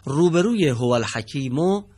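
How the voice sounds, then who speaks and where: A man teaching Quran reading in a televised studio lesson. He quizzes his students patiently and stretches out each example word slowly. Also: on the high side, animated, a little mellow, breathy edge.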